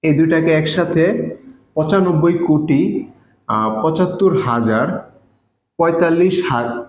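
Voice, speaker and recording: A man with a Bangladeshi Bengali accent teaching a math lesson step by step, patiently, with many fillers. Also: fairly high pitch. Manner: patient, explains slowly with fillers. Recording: echoey room, dull lo-fi sound.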